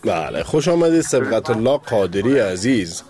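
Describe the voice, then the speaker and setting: A man's voice: fairly low pitch, sing-song, warm tone, soft background music. A man co-hosting a call-in radio show, friendly and chatty, taking calls and joking with his co-host. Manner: friendly, chatty, laughs often.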